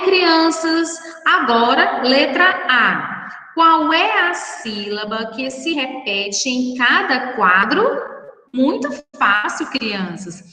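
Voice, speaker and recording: A woman schoolteacher with a Brazilian Portuguese accent, giving a lesson to young children and slowly spelling out words syllable by syllable in a patient, affectionate way. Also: high-pitched, pushed and bright, reverberant, in a large hall, distant mic, rough recording. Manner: slow, drawn-out syllable-by-syllable dictation to children; affectionate, patient, addresses pupils as children and darlings. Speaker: primary school teacher. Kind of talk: recorded remote class lesson.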